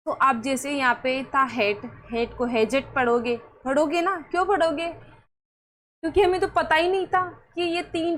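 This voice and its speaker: Slow, high-voiced woman teaching. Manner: patient, repeats rules and keeps checking if students understood. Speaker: English teacher. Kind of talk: classroom lesson.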